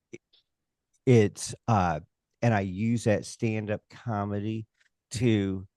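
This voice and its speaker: An American man, a stage hypnotist and comedy performer, talks casually in an interview, emphatic and opinionated, speaking haltingly with rhetorical asides. His medium-pitched voice has a darkish tone, recorded at studio quality with no room sound.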